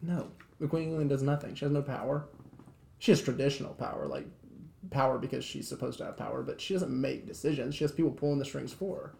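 A man's voice: medium pitch, fast, vocal fry, darkish tone, reverberant. A man co-hosting a podcast in casual chat, rambling with many restarts and fillers. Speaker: podcast co-host.

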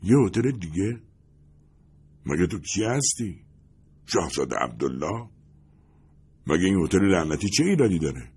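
A man with a husky voice voicing an anxious male agent who presses with worried questions on the phone. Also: sits low, very animated, long pauses, darkish tone, exaggerated voice. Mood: exasperated.

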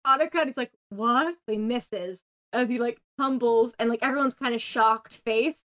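A woman with a high, bright voice talks on a podcast, gushing with excitement and peppering every sentence with "like". She sounds swept up in what she is describing. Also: moderate pace, lo-fi sound. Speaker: podcast host. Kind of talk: casual podcast chat.

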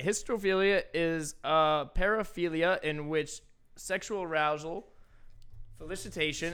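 A man's voice: fairly high pitch, bright, forceful tone, clean tone. A man co-hosting a casual podcast chat, joking around and laughing easily. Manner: joking, quick to laugh, reads aloud in mock formality. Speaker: podcast co-host.

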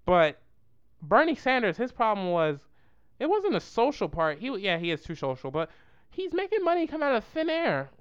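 A vlogger giving a casual, slangy and rambling political roast, with a clear voice. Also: mid-range voice, very animated, normal speed, dry recording, highs cut off.

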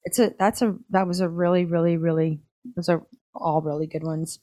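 A woman co-hosting a podcast in casual chat, talkative and quick to laugh, often restarting her sentences. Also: lowish voice, little pitch movement, mellow. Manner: chatty, laughs easily, trails off and restarts. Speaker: podcast co-host.

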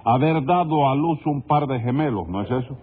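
An actor with a Cuban accent playing an exasperated judge in a radio comedy, questioning sternly, on a tinny old radio recording. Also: male voice, medium pitch, expressive, moderate pace, husky. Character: exasperated male courtroom judge. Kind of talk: 1950s radio comedy acting.

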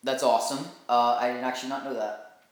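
A man's voice: medium pitch, little pitch movement, fast talker. A young man co-hosting a casual gaming podcast, enthusiastic and rambling, laughing often. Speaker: podcast co-host. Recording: very echoey room.

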